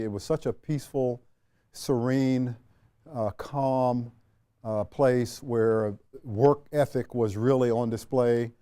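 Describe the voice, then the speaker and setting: Older man telling stories in a mellow voice. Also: mid-range voice, clear, resonant tone. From Washington, D.C. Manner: measured, unhurried, with frequent restarts and fillers. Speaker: interview guest, retired general. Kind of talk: reflective storytelling in a sit-down interview.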